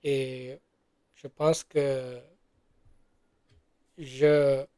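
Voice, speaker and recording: Slow, hesitant man, dry close sound. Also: mid-range voice, flat delivery, dark tone, dry recording. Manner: hesitant, many fillers and self-corrections. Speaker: French learner. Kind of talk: casual spoken practice monologue.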